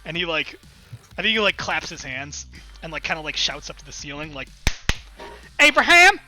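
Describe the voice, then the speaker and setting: A man's voice: a little high, fairly quick, music in the background. A man narrating as game master in a rambling, filler-heavy way.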